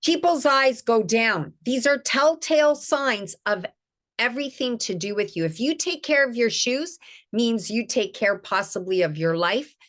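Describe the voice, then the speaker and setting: A woman's voice: a little high, animated, unhurried, a bit bright. A middle-aged woman, an image consultant, speaking as a guest in an enthusiastic, emphatic, storytelling manner. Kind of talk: casual interview chat.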